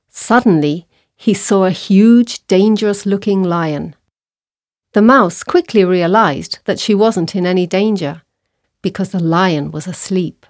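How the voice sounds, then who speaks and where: Slow, clear woman reading a story. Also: medium pitch, no room sound, clean studio sound. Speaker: narrator. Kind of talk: reading a story for a language exercise.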